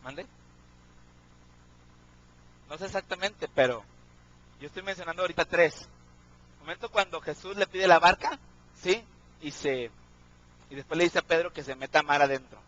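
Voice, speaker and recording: A man's voice: a little high, normal speed, pauses often, fairly bright tone, muffled recording. A man preaching a sermon, often asking his congregation questions and checking in with them.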